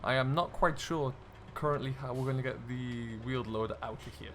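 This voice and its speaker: A chatty British man, a video game streamer and host, talks over loud engine noise with a medium-pitched, fairly quick voice. He muses aloud and explains things in casual commentary on farming simulator role play, with in-game tractor and loader engines clearly behind him.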